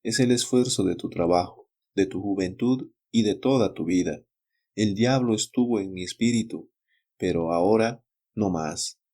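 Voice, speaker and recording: A man's voice: sits low, normal speed, mellow. A man voicing a greedy middle-aged son in a storybook reading, curt and commanding in his lines. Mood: tender.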